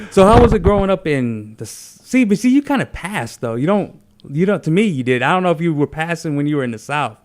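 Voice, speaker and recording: Rambling higher-voiced male host. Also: brisk. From Tennessee. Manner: rambling, animated, lots of restarts. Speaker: podcast host. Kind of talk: casual chat.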